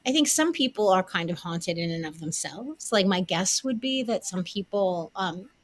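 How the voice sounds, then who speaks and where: A woman's voice: lowish voice, expressive, normal speed, no echo. A woman hosting a conversational interview, thinking aloud and often checking in with her listener. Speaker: podcast host.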